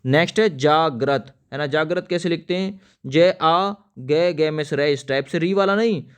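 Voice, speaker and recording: A man with a smooth, clear voice pitched a little high gives a spelling lesson for exams. He spells each word out piece by piece as he writes it and keeps stressing which ones matter. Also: moderate pace. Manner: spells words out letter by letter while writing; addresses viewers as friends, stresses importance. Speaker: teacher. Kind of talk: exam-prep spelling lesson.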